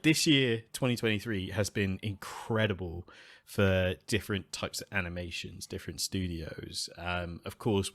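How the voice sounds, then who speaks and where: A man hosting a podcast, talking in relaxed, easygoing casual chat. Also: low-pitched, gravelly, no room sound. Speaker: podcast host.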